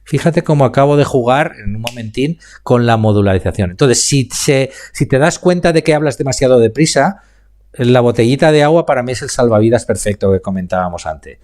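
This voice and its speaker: A man's voice: mid-range voice, expressive, a little mellow. Spanish man coaching public speaking live. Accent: Spain Spanish. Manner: explanatory, slows down to demonstrate pauses and emphasis. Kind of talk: live online class answering chat questions.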